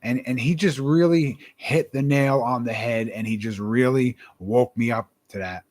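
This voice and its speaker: A man's voice: mid-range voice, normal speed, a little mellow. A young man, a self-published author, talking casually and earnestly to camera, rambling and repeating his words.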